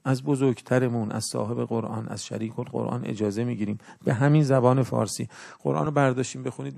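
A man preaching a religious sermon in an earnest, instructive way, with his loudness swinging up and down. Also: mid-range voice, creaky, slightly rough.

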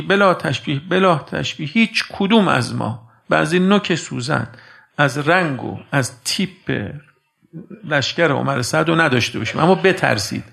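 A man delivers a sermon in a voice set a little high for a man. His delivery is gravelly, and he keeps swinging between quiet, intimate lines and forceful emphasis. He speaks to his listeners as dear friends. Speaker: preacher.

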